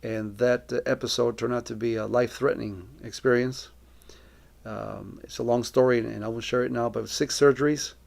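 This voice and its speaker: Offering a personal testimony, a middle-aged missionary from Colombia speaks with earnest reflection and deliberately chosen words. The voice is very creaky and gravelly at an ordinary male pitch, slightly mellow, with fairly even intonation and a moderate pace.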